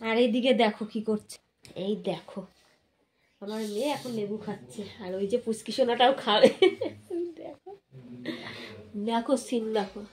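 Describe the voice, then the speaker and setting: A woman's voice: on the high side, fairly even intonation, normal speed, crowd noise. A woman chatting casually to her viewers in a home vlog, narrating what her family is doing. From West Bengal, India. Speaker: vlogger. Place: home room with family around.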